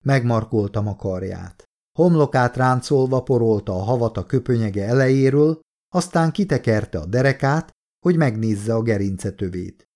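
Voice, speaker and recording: A man reading a novel as an audiobook in steady, measured narration. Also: medium pitch.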